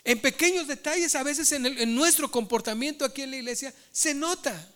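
Male preacher, bright, tense tone, storytelling sermon. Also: extremely high pitch, brisk. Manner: storytelling, addresses listeners as brothers.

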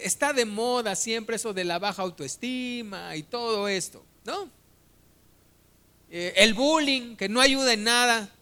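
A man's voice: very high voice, sharp tone. A man preaching a sermon, retelling a Bible story in a conversational, humorous way.

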